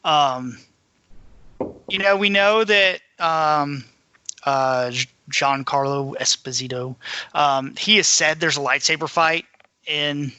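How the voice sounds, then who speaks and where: As a podcast panelist, a man runs through the news in a casual, conversational discussion. His voice is on the high side, smooth and sharp-toned, slow-paced, with no room sound.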